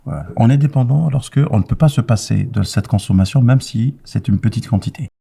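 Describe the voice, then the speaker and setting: A man answering a caller as an expert, explaining in a calm, measured way. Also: medium pitch, creaky, breathy edge. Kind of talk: explanatory advice.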